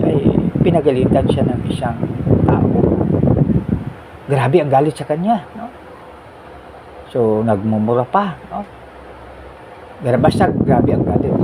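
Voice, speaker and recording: A man giving an earnest devotional sermon over a neighborhood paging system, often tagging his sentences with a questioning "no?". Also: a little high. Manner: earnest, repeats "no?" as a tag. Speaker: preacher. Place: outdoors on a street. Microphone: public address paging system. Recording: loud vehicle and street noise.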